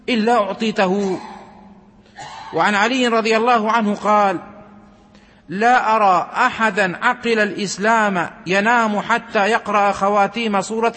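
A man reading religious narrations aloud and explaining them in a measured, recitative way, slowing down for emphasis. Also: high voice, fairly bright tone. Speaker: religious teacher. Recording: long hall reverb.

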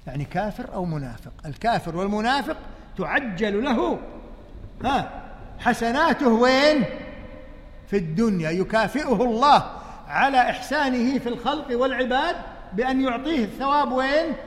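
A man's voice: very high-pitched, lively intonation, normal speed. A man preaching a sermon, telling the story with emotion and firing rhetorical questions at his listeners. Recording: long hall reverb.

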